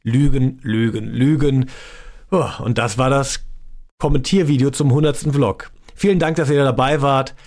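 A man's voice: mid-range voice, normal speed. A man hosting a reaction video, giving mocking commentary in a dry, sarcastic tone. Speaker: reaction channel host.

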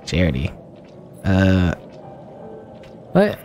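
A man's voice: low voice, wildly swooping pitch, drawn-out words, a little mellow. A young man giving casual, slangy game reaction commentary, incredulous and muttering asides. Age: young adult. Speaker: gaming YouTuber. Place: small room at home. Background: faint game music.

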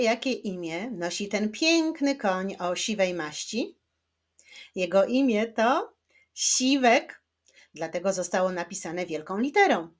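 A woman teacher giving a children's reading lesson, slowly clapping out words syllable by syllable. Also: mid-range voice. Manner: slow, clapping out syllables one by one.

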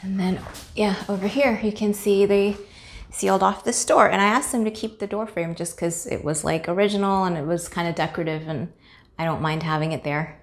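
A woman's voice: mid-range voice, fairly quick. A young woman casually narrating a walkthrough of her home under renovation, filmed on a handheld phone with construction noise behind. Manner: chatty, relaxed narration while walking. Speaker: homeowner vlogger. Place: townhouse under construction, indoors. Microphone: handheld phone camera.

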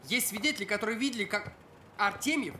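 A young man playing a cheeky, excitable student detective in a sitcom. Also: high voice, fast talker, slight background noise. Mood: eager. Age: young adult. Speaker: actor in a student comedy series. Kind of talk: sitcom dialogue. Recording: roomy set sound with music underneath.

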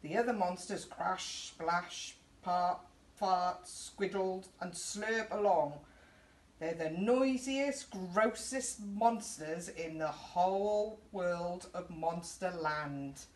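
Reading a picture book to children, this middle-aged story time presenter for a youth service speaks slowly with a fairly low, darkish voice. Her style is chatty and encouraging, and she breaks off now and then to point things out. The small indoor youth room is recorded by a camera mic a few feet off, giving roomy, distant audio with faint noise.

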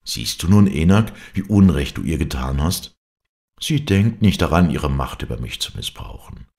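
A man's voice: very deep voice, expressive, normal speed, darkish tone. A man voicing an eager, lovestruck young bridegroom in an audiobook fairy tale. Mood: rapturous. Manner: eager, earnest.

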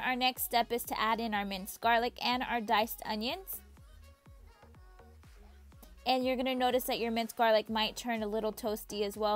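High-voiced woman explaining a recipe. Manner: friendly, repetitive instructions addressed to viewers. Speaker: home cook and channel host. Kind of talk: step-by-step cooking tutorial voice-over.

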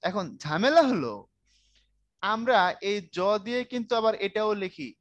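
A man with a fairly high voice gives a relaxed spelling lesson. He speaks informally and keeps asking his students whether they follow. The recording is close and dry, with no room echo. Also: normal speed, dull audio. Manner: conversational, asks students if they follow, colloquial speech. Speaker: Bangla language teacher. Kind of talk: casual online lecture.

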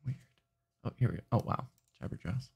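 A man's voice: a little fast, darkish tone. A sleepy man streaming late at night, rambling and restarting his sentences as he chats. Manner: rambling, self-interrupting, tired.

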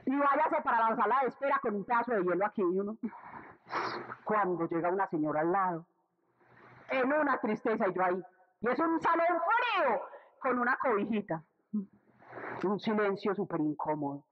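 A woman's voice: medium pitch, very animated, moderate pace, pauses often, highs cut off. Colombian woman telling a testimony. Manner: storytelling, acts out her own inner voice and others' lines. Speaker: speaker at a church retreat. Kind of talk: testimonial sermon talk.

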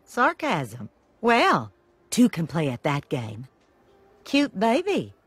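A husky, catty cartoon mom who is quick to judge. Low and lively. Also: female voice, no echo, exaggerated voice. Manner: prissy, judgmental, pointed asides. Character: prim, gossipy middle-aged mother. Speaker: cartoon mother.

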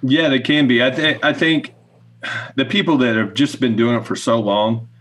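A middle-aged goose call maker joins a podcast by video call from a small indoor room lined with wooden shelves. His medium-pitched voice is steady and fairly bright, and he explains things casually and plainly at a moderate pace.

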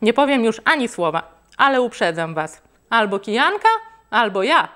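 Woman doing a high, shrill scolding mother. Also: sing-song, normal speed, fairly bright tone. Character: scolding upset mother, exasperated.

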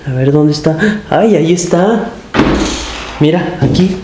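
A young Mexican man gently coaxing his toddler in sing-song baby talk while he shows her his animals. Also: fairly high pitch, unhurried. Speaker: exotic animal keeper and channel host. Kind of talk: casual vlog narration. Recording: echoey room with loud background noise.

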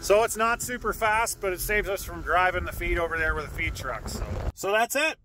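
Farmer vlogger, man in his thirties, higher voice, matter-of-fact tour talk, selfie phone, noisy barn. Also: expressive, fairly quick. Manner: plain, matter-of-fact explaining while walking and pointing. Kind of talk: casual walking tour vlog. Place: pig barns and farmyard, indoors and outdoors. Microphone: phone held at arm's length.

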